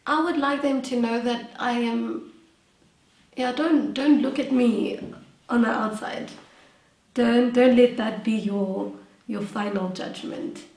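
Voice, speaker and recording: A young woman with a South African accent, answering interview questions in a soft, hesitant, giggly way with many ums. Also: fairly high pitch, steady tone, slow pace, creaky. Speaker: interviewee, nail tech. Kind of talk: casual interview. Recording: echoey room, voice from a distance.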